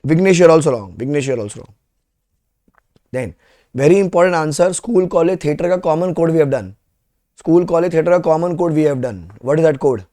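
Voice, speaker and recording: A man's voice: fairly high pitch, fairly quick, warm tone. A man with an Indian accent teaching a live class, putting quiz questions to students and repeating phrases for emphasis.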